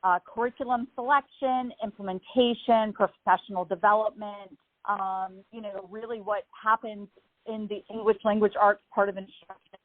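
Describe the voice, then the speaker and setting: A woman's voice: mid-range voice, fairly even intonation, moderate pace, dry recording. A woman, a district English curriculum director, explaining her work as a radio guest while her phone connection keeps breaking up and cutting in and out. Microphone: phone held to her ear. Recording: tinny breaking-up phone line.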